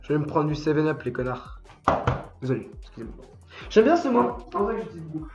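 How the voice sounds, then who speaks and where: Quick-paced and fairly high with big pitch swings, a teenage boy with a cold and blocked nose rambles through his gaming stream, swearing freely and blowing up angrily at the game. Dull lo-fi sound, roomy echo and faint music fill the recording.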